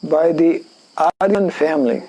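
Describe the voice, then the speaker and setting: A native French speaker from Canada with a French Canadian accent reads and explains scripture to an indoor class in a rural town. He halts often, using fillers and clearing his throat frequently. His voice is a little high with a dark tone, and the recording quality is low.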